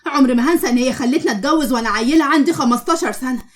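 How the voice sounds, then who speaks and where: A woman's voice: sits high, very fast, natural voice. A woman with an Egyptian accent voicing a bitter, harsh young married daughter who speaks sharply. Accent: Egyptian Arabic.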